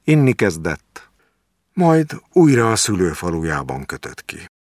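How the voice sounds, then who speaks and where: Low-voiced man reading a story. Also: very animated, no room sound, studio quality. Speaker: narrator. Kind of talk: literary short story reading.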